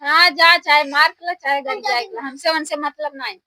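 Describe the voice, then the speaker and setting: Lady playing fed up village wife, awadhi accent, sharp bright voice, dry sound, complaining in a comedy skit. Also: sits high, steady tone, normal speed, dry recording. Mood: dismissive. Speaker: actor in a comedy sketch. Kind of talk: rural comedy sketch acting.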